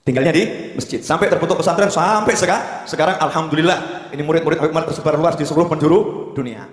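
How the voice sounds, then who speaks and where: A man preaching to a congregation, telling stories with lively emphasis. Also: a little high. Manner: animated, quick storytelling with emphatic rises. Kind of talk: religious lecture with storytelling. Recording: echoey hall reverb.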